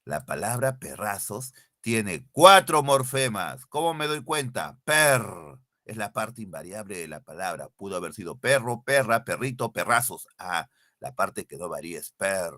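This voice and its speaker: A man's voice: fairly low pitch, big pitch swings, unhurried, bright, forceful tone, no room sound, clean studio sound. A male teacher giving an online exam-prep class, repeating key definitions and quizzing his students directly. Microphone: computer mic, screen sharing.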